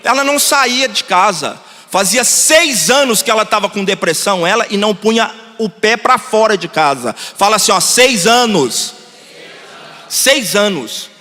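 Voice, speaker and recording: A man, preaching a sermon as pastor and telling a story in an animated way to the congregation. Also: high-pitched, normal speed, hardly any pauses. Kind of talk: sermon testimony. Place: church hall. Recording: long reverb of a church hall.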